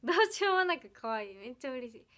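A young woman from Ehime, Japan, speaking the Iyo dialect mixed with Kansai, chats casually from home on a birthday livestream. Her high voice swings widely in pitch at a quick pace, and she's bubbly, giggling a lot as she reads viewer comments. Many of her lines trail off into a soft murmur.

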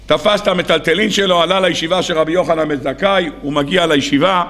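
A rabbi giving a sermon, telling a story in an animated way and acting out its dialogue. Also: male voice, a little high.

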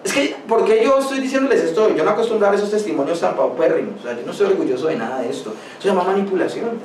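A man's voice: high voice, lively intonation, very fast, a little mellow. A man pastor preaching a sermon, pressing his points with rhetorical questions and personal anecdotes. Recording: echoey room, voice from a distance, faint noise.

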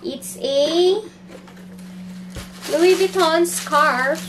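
A young adult woman with a Filipino accent, Filipino being her first language, chats casually in a haul vlog filmed in her bedroom. Her voice is extremely high and extremely slow, with a noisy background, and she talks in a hesitant, chatty way while searching for English words.

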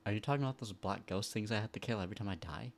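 A man streaming a video game live, commenting as he plays and jumping between quiet mutters and excited outbursts. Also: on the low side, racing, a little hiss or hum. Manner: excitable, bursts into loud shouts and laughs.

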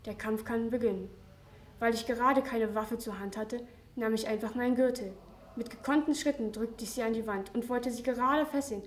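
A young teenage girl reading her own comic first-person story aloud at a school reading, with a steady, plain delivery. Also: on the high side, fairly quick, slight background noise. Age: young teen. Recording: roomy, distant mic.

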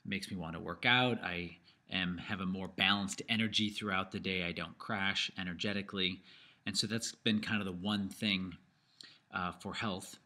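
A man's voice: low-pitched, steady tone, moderate pace, pushed and bright. A man in his thirties hosting a podcast, talking in a conversational, thinking-aloud way with fillers and restarts. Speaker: podcast host. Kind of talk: casual podcast talk about investing.

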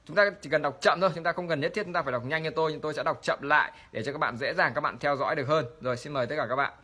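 A man teaching English pronunciation in an online lesson, explaining quickly and then reading sentences slowly with long vowels. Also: a little high, pushed and bright, husky.

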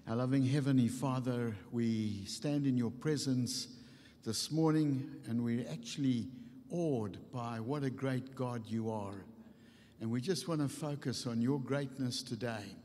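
A man's voice: medium pitch, a little slow, dark tone. An older man, a pastor, leading an earnest public prayer in unscripted, repeating phrases. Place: church stage at a lectern, indoors. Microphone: microphone on a stand at the lectern. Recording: long hall reverb.

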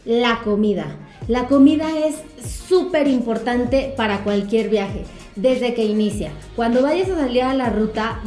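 A woman's voice: a little high, darkish tone, roomy sound. A young woman vlogger giving upbeat travel tips to camera from her living room couch. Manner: upbeat, announces numbered tips. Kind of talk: casual advice to camera.

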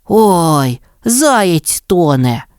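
A woman's voice: lowish voice, unhurried, dry recording, pitched above the performer's own voice. A cheerful, curious little male mole from a storybook, voiced by a woman. His voice sits well above the narrator's and jumps about eagerly. The sound is dry and close. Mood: excited. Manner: bright, excited, childlike exclamations. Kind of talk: storybook voice acting.

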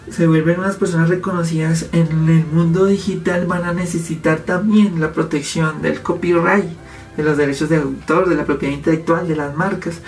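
Framed at medium distance by a fixed camera in his home office, a man hosting a YouTube channel explains his subject in casual talk to camera, using his hands as he speaks. His pitch is fairly high and his tone slightly mellow.

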